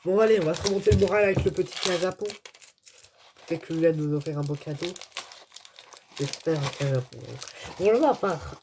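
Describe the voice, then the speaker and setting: A woman vlogging as she opens an advent calendar, chatting casually and grumbling in exasperation, with laughs in between. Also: on the low side. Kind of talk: casual unboxing chat. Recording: noisy with crinkling packaging. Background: clicks and crinkling wrappers.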